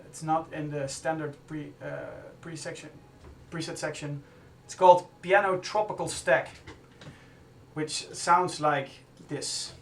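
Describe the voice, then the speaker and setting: A man hosting a live stream from a music studio, explaining his production steps casually as he works and often pausing to restart his sentences. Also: on the high side, creaky, slight background noise. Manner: thinks aloud while working, halting with restarts. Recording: roomy studio sound from a distance.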